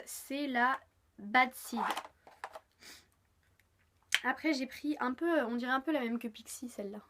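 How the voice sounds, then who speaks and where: A woman's voice: fairly high pitch, background noise. An eighteen-year-old woman from France chatting casually through a makeup haul, gushing with lots of fillers. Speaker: beauty vlogger. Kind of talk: casual haul video chat.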